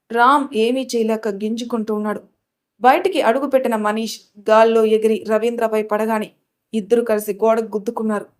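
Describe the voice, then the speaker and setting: A woman narrating a scripted love story with an expressive, dramatic reading. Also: a little high.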